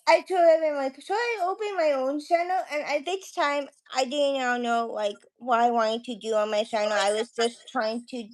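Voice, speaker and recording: A woman's voice: fairly high pitch, fairly even intonation, moderate pace, few pauses, rough recording. A woman chatting casually on a livestream as a guest creator, rambling and acting out remembered conversations. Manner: rambling, quotes conversations with frequent "like".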